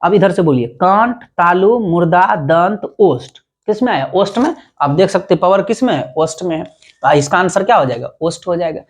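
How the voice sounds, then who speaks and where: A man's voice: high voice, expressive, normal speed. A man teaching a grammar lesson, reciting lists of terms and asking rhetorical questions. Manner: repetitive, drills terms aloud with rhetorical questions.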